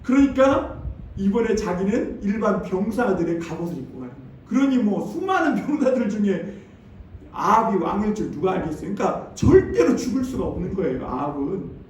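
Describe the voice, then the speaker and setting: A man's voice: sits high, very animated, fairly quick, a little mellow, slight background noise. A man preaching a Sunday sermon as pastor, retelling a story in a conversational way and asking the congregation questions. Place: church sanctuary. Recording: very echoey hall, distant mic.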